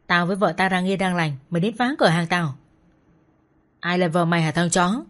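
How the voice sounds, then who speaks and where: A woman's voice: on the low side, steady tone, brisk, fairly bright tone, close to an everyday voice. A woman putting on a crude, abusive older thug. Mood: abusive, sneering. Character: coarse, short fat older male thug. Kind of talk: audiobook story reading.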